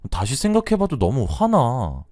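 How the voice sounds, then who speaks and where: A man's voice: mid-range voice, huge pitch swings, moderate pace, darkish tone, no room sound, clean studio sound, pitched above the performer's own voice. A man voicing a young bride who complains in an indignant way. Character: young bride siding with her mother.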